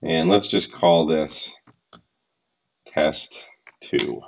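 A man in his thirties who reviews radio gear walks through a radio programming demo in a casual screen-recorded tutorial made at his home workbench. His voice is extremely low and gravelly yet expressive, with drawn-out words, and he is frank, adding exasperated asides. The audio sounds dull.

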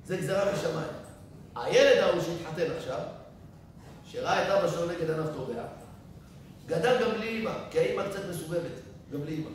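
A man's voice: fairly high pitch, long pauses. A man, a rabbi, giving a sermon full of stories and acting out the people in them. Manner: animated, acts out quoted people. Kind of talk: sermon with storytelling. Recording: echoey hall, mic far off, faint noise.

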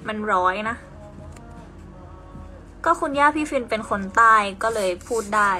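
A young woman talks casually on a live stream in a fairly high voice, playful and chatty as she answers viewer comments while packing orders. Music plays clearly in the background the whole time. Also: lively intonation, measured pace, sharp tone.

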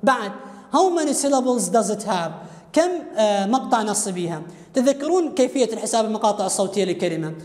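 A woman's voice: mid-range voice, lively intonation, brisk, darkish tone. A woman with an Iraqi Arabic accent teaching an English lesson, asking and answering her own questions and explaining each English phrase in Arabic. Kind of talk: classroom grammar lesson. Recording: echoey room with long reverb.

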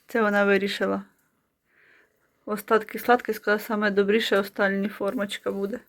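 A woman's voice: mid-range voice, little pitch movement, a little fast. A woman from Ukraine chatting to the camera in her home kitchen, teasing her family and narrating the cooking. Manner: chatty, teasing, narrates what she sees. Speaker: vlogger filming family cooking. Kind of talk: casual chat to the camera.

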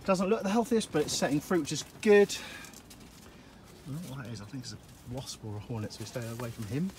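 Talking fast in a mid-range voice, a man leads a laid-back, meandering tour of his allotment and polytunnel, often filling gaps with uh. There's slight background noise, and he films outside on a handheld phone while on the move.

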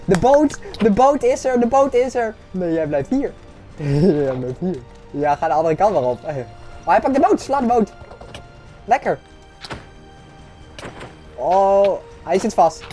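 A man giving rapid, casual play-by-play commentary on a game. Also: sits high, darkish tone.

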